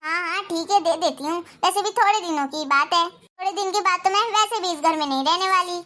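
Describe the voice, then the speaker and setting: A woman's voice: very high voice, brisk, sharp tone. A woman voicing a resentful young wife in a cartoon story, scolding and demanding. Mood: pleased.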